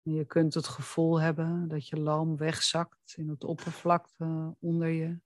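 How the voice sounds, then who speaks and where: A soothing, deliberate voice guiding the listener through a relaxing hypnosis, speaking closely and intimately, right in the ear. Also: mid-range voice, completely flat delivery, no echo. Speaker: hypnotherapy guide. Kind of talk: guided hypnosis relaxation narration.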